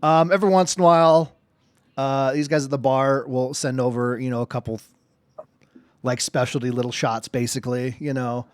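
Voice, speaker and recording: A man's voice: medium pitch, steady tone, normal speed, clean tone, no room sound. Informal male game master, very dry sound. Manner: informal, slangy. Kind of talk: casual tabletop game narration.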